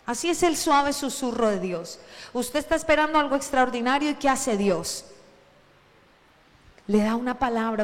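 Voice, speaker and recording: A woman preacher giving a lively sermon, acting out the shouts of the Bible story as she retells it. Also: on the high side, long reverb tail. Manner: animated, acts out shouted Bible quotes.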